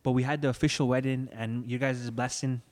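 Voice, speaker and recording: A young man as an interview guest, giving an earnest personal testimony and going soft and low when moved. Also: fairly even intonation, a little fast, long reverb tail. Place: room where he married.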